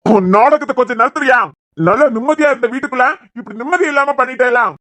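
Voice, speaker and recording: A woman voicing an angry, threatening middle-aged father in a cartoon series, with a Kanyakumari Tamil accent and a shouting, scornful way of talking. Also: a little high, animated, fairly quick, no room sound, natural voice. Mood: furious. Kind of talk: cartoon web series voice acting.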